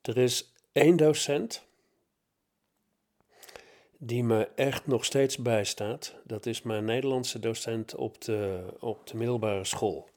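A man's voice: medium pitch, slow pace, darkish tone. A middle-aged man telling a personal story about his school years, reflective and hesitant, with many fillers.

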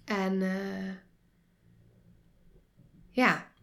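A woman's voice: medium pitch, flat delivery, drawn-out words, creaky, fairly bright tone. A young woman hosting a podcast, telling a personal story with emotion, frequent restarts and bursts of laughter, still a little foggy from a concussion. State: recovering from a concussion, a bit foggy. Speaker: podcast host.

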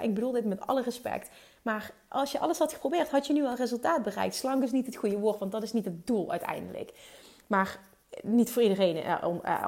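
A woman's voice: on the high side, darkish tone. A woman coaching entrepreneurs in an emphatic motivational monologue, dropping English phrases into her talk. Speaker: business coach.

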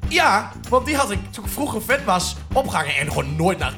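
A man's voice: sits high, very animated, fairly quick, bright, forceful tone, soft background music. A man co-hosting a podcast in casual chat at a table, teasing and swearing freely. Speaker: podcast co-host. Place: at a table in a studio.

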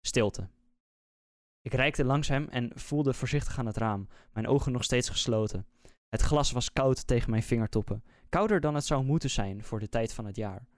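A man, a podcast host, reading a scary story aloud in a slow, measured, suspenseful way. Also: mid-range voice, dry recording, clean studio sound. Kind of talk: scripted horror story narration.

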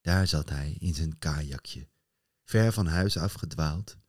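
Low-voiced man telling a folktale. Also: slow pace, dry recording, clean studio sound. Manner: animated, building suspense with rising intensity. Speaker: storyteller. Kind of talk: dramatic told folktale.

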